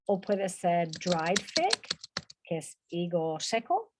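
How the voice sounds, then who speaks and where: A woman's voice: on the low side, big pitch swings, noisy background. A woman teaching an English class, repeating each word several times for pronunciation and then explaining its meaning. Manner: drills words by repeating them slowly, then explains. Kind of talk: online language class.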